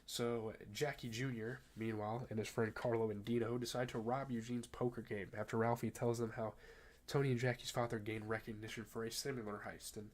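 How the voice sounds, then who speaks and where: A man's voice: mid-range voice, little pitch movement, brisk. A young man, a little under the weather, recapping a TV episode in a loose, chatty way with lots of fillers, reading plot summary and then riffing on it. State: a little sick. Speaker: TV show reviewer.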